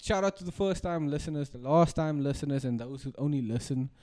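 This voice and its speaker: A man's voice: fairly high pitch, fairly quick, warm tone. A South African man co-hosting a podcast in casual banter, with laddish, bro-heavy slang. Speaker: podcast co-host.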